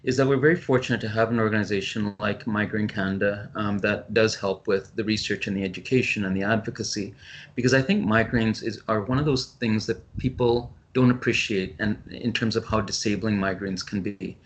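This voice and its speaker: A male physician giving a webinar talk over a video call, explaining briskly with frequent ums and restarts. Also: fairly low pitch, steady tone. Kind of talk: webinar presentation.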